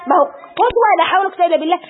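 A woman's voice: extremely high pitch, lively intonation, racing. A middle-aged woman with an Egyptian Arabic accent giving an Islamic lesson, fervent and full of pious exclamations. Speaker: religious teacher. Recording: tinny phone-like audio.

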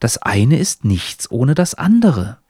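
A man's voice: medium pitch, sing-song, slow, a little mellow, slightly rough, no room sound, studio quality, heavily acted. A man voicing a pompous, lecturing old talking hat with a stilted, old-fashioned way of speaking.

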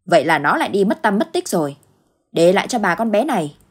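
A woman voicing a boisterous elderly village neighbor in an audio ghost story, speaking in a hearty, loud manner with a husky voice. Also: medium pitch, very animated, quick pace. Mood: lamenting.

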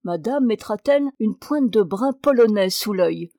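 A woman's voice: mid-range voice, expressive, measured pace, dark tone, dry recording, clean studio sound. A woman reading aloud, voicing a haughty, self-important male hairdresser who talks down to his clients. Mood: pompous. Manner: pompous, condescending. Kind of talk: audiobook character reading.

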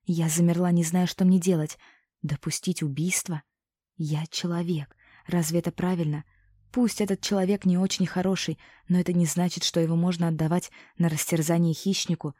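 A woman's voice: fairly low pitch, fairly even intonation, normal speed, dark tone, no room sound, clean studio sound. A woman narrating a first-person story as an audiobook, telling it expressively and voicing the characters.

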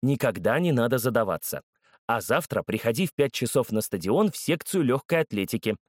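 A tall, sturdy race judge, as a male narrator puts him on, brisk and commanding with a lively, varied delivery. The sound is dry and close. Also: mid-range voice, no room sound.

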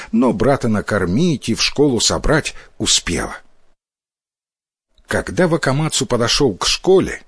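A man narrating a fairy tale in an expressive storybook reading style. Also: mid-range voice, slightly rough, no room sound, clean studio sound. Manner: expressive, voices the characters.

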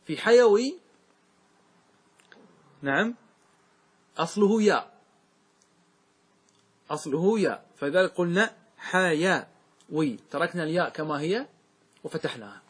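A middle-aged man, a religious scholar, teaching grammar to a class, often quizzing his students and drawing out example words slowly. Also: on the high side, animated, breathy edge. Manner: questioning, repeats and drawls out example words. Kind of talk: classroom lesson with questions to students.

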